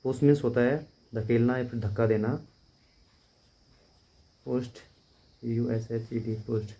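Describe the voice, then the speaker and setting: Guy drilling english verbs over and over, mellow flat voice, kinda muffled lo-fi sound. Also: medium pitch, measured pace, vocal fry. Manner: steady, repetitive drilling of word forms, spells words letter by letter. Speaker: English teacher. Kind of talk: vocabulary lesson. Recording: dull lo-fi recording.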